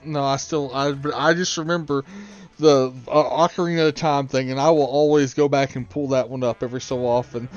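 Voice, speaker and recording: A man's voice: mid-range voice, steady tone, a little fast, dull audio. Profane rambling let's play guy. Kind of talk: casual gaming chat.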